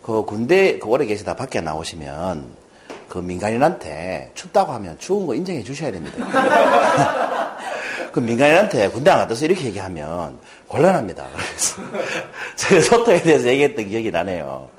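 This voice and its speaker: With a lowish voice at a normal speed, a man lectures to an audience through stories. He livens them up by acting out what each character says.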